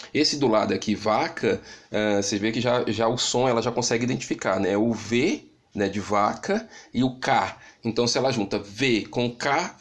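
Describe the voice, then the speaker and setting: A man with a Brazilian Portuguese accent recording a lecture from his home, explaining step by step and often checking in with "né?". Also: mid-range voice. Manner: explanatory, frequent "né?" tag questions. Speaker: teacher. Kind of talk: recorded lecture on literacy stages. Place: home with an open window.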